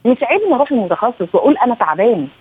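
Fast-talking Egyptian woman on a phone line. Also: fairly high pitch, sing-song, husky. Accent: Egyptian Arabic. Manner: practical, with many self-restarts. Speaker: psychological and family consultant guest. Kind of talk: explanatory advice in an interview. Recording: tinny phone-like remote line.

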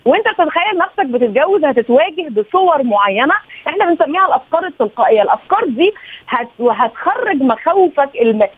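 A woman's voice: sits high, big pitch swings, fast, no echo. A woman with an Egyptian accent, a psychological and family consultant guest, explaining advice in a practical way and often restarting her words. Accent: Egyptian Arabic. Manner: practical, with many self-restarts. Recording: tinny phone-like remote line.

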